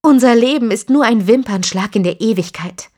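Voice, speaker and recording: A woman's voice: fairly high pitch, normal speed, darkish tone, voice pushed up, natural voice. A woman voicing a defiant, devout young woman in an audiobook, speaking earnestly and intensely. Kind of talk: audiobook character reading.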